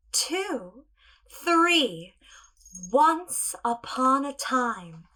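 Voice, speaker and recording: A woman plays a gentle, sincere princess telling children a story, speaking softly, slowly, and soothingly, at times dropping to a whisper. Her voice sits high and sounds exaggerated.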